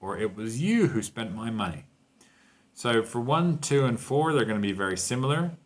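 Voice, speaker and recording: A man's voice: mid-range voice, lively intonation, normal speed. A man teaching a grammar lesson to Spanish speakers, explaining patiently and checking in with "okay?" and "right?". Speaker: English teacher.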